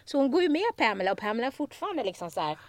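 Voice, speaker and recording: A woman's voice: a little high, no echo, studio quality. A woman hosting a podcast, telling a story in casual chat and acting out the people in it. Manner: animated, acts out the people in her story. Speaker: podcast host.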